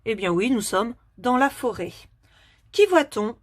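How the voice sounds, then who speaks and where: A woman teaching a phonics lesson to young children, asking questions patiently and clearly articulating each word. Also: on the high side, lively intonation, measured pace, dry recording.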